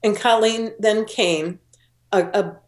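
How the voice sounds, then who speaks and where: A woman's voice: mid-range voice, slow pace. A middle-aged woman, a guest in an interview, telling a personal story earnestly and voicing the people she quotes. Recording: roomy echo.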